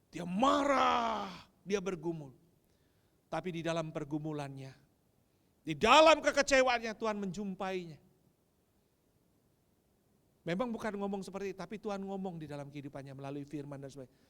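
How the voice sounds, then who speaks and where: Fervent pastor in a reverberant church. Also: male voice, sits high, lively intonation, normal speed, gravelly, pauses often. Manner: swings from soft asides to loud, fervent emphasis. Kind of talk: sermon. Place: church sanctuary. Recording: long reverb of a church hall.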